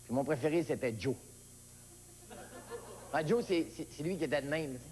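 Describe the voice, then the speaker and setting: A man's voice: moderate pace, darkish tone, long reverb tail. A man with a Québécois accent performing a comic monologue, telling a childhood story and acting out its characters. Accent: Québécois French. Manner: storytelling, acts out characters with high yelps. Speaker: stand-up comedian.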